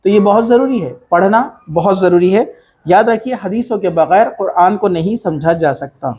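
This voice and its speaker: In a conversational religious talk, an Islamic speaker poses rhetorical questions and mixes in English words. His voice sits high and has a darkish tone.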